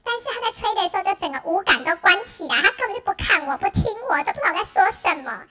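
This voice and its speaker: A wind instrument teacher with a Taiwanese Mandarin accent, telling a story in an animated, exasperated way through a pitch-shifting voice changer. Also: quick pace. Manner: animated, dramatic, exasperated retelling. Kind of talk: storytelling podcast chat.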